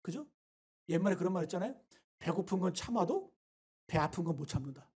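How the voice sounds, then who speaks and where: A man preaching a Sunday sermon as pastor, swinging between loud urging and quiet asides. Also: high-pitched, sing-song, fairly quick, slightly rough. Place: church sanctuary.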